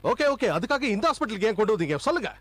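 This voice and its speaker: Stern doctor grilling folks, highish voice, dry close sound, dubbed film. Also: male voice, very animated, racing, a bit bright, dry recording, heavily acted. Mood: concerned. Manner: questioning, insistent. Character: concerned male hospital doctor, stern and protective.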